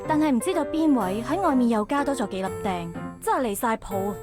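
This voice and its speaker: A woman voicing bright, expressive young female characters in a visual novel, over game music. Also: fairly high pitch, fast, close to an everyday voice.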